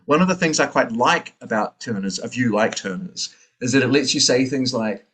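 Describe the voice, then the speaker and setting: A man's voice: medium pitch, expressive, normal speed, fairly bright tone, slightly rough. A man with a New Zealand accent giving an academic lecture, thinking aloud with many fillers and tag questions.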